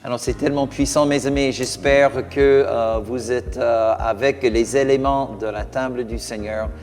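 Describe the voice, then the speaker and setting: Fervent pastor in a reverberant hall. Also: male voice, mid-range voice, fairly even intonation, normal speed, darkish tone. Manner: fervent, exclamatory, with many restarts. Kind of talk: preaching and leading communion prayer. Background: faint music.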